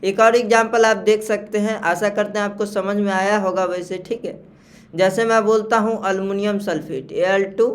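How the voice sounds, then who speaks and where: Male chemistry teacher, slow and repetitive. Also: high-pitched. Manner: repeats key terms slowly, checks understanding with questions. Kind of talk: classroom lecture on naming salts.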